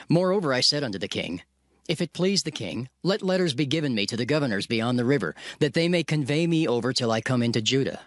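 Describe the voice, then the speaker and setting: A man with a mid-range, fairly bright voice narrates scripture as Nehemiah, speaking in the first person with earnest, prayerful reverence for a dramatized recording. There's no room sound, just a music underscore beneath him.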